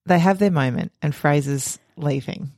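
A woman's voice: sits low, moderate pace, a little mellow, no room sound, studio quality. A woman co-hosting a casual podcast, laughing easily and chatting along. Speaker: podcast co-host.

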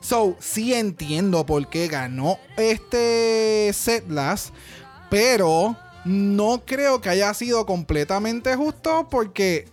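A man's voice: high voice, lively intonation, slow pace, faint music behind. A man co-hosting a podcast in casual chat, giving opinions and often switching into English. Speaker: podcast co-host.

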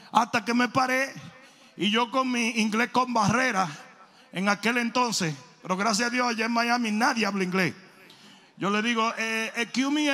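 A man preaching a sermon, telling stories animatedly, shouting for emphasis and repeating phrases. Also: very high voice. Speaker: pastor. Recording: long reverb of a large hall.

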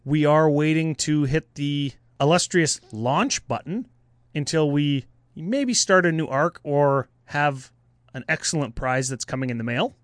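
Easygoing, higher-voiced male podcast co-host. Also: a little slow, no room sound. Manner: easygoing, runs the giveaway details. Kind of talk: casual podcast banter.

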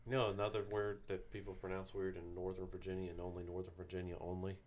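Podcast co-host, male, lowish voice, playful teasing banter. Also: monotone, fast talker, a little mellow. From North Carolina. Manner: playful, teasing about regional pronunciations. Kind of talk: casual chat.

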